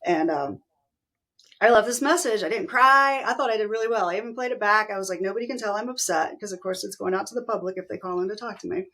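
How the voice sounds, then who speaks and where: A middle-aged woman telling a personal story as an interview guest, animated, acting out the voices of people she quotes. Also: mid-range voice, fast.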